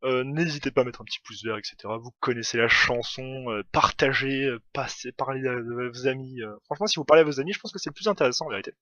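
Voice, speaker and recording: A man's voice: mid-range voice, quick pace, few pauses, pushed and bright, dry recording. A man hosting a gaming video, giving casual gameplay commentary in a rambling way full of fillers and self-corrections.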